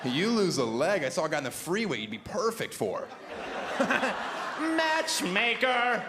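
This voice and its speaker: A man performing a stand-up comedy set, sardonic and deadpan, slipping into shrill mock voices. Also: a little fast, background noise. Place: comedy club stage before a laughing audience. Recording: echoey room with loud crowd.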